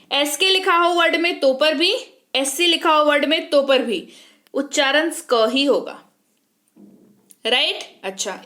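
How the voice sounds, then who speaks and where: A woman's voice: high-pitched, sharp tone. A young woman teaching English pronunciation in an online lesson, patiently explaining and quizzing her listeners with repeated questions.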